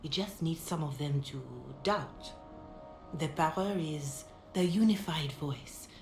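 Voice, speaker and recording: Mother Giselle, a low-voiced wise cleric. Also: soft background music. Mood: earnest, persuasive. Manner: measured, gentle, solemn. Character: calm, wise, compassionate middle-aged Chantry mother, gravely earnest. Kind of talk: dramatic video game dialogue. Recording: roomy echo, background ambience noise.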